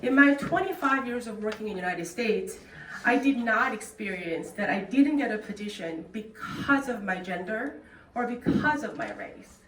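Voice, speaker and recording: A middle-aged South Korean woman with a Korean accent gives a plain-spoken, earnest speech as a guest speaker at a club meeting. Her voice is a little high and a bit bright, animated at a normal pace. The meeting room echoes, the mic is distant, and there's faint noise.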